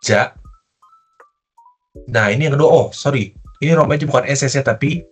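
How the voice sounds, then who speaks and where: A man's voice: mid-range voice, husky, faint music behind. A man teaching a language lesson, patiently sounding out syllables one by one in a casual, encouraging way. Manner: patient, demonstrates sounds slowly, casual fillers.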